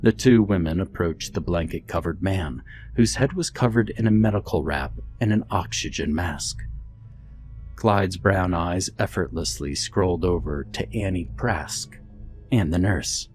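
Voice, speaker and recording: A man reading a scripted horror story in a steady, measured storytelling voice. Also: sits low. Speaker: narrator. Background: faint background music.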